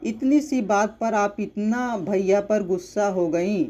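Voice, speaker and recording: Ram, a gentle young man, read by a narrator. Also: medium pitch, fairly even intonation, slow, natural voice.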